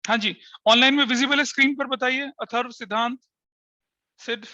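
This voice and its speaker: A male teacher lecturing a class with a bright, forceful voice. He checks often that the students are following. The recording is dry and slightly dull. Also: very high voice, steady tone, fairly quick, no room sound. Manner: explains step by step with frequent checking questions to students; mixes Hindi with English terms.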